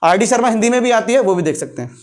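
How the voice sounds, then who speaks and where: High-voiced man teaching a math class. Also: lively intonation, very fast, a little mellow. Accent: Hindi. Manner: quizzing students with repeated questions. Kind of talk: classroom lecture.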